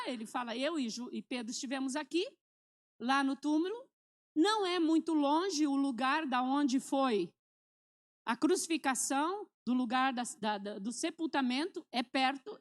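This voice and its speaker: A woman pastor with a Brazilian Portuguese accent preaching a sermon in church, calling out to the congregation and moving between loud exhortation and soft storytelling. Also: high voice. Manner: preaching with call-and-response to the congregation. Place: church sanctuary.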